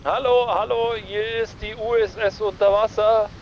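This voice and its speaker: A man's voice: sits high, steady tone, normal speed, muffled recording, a little hiss or hum. A man chatting playfully while playing a game, his voice coming through a ship's speaking tube from another deck. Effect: heard through a ship's speaking tube.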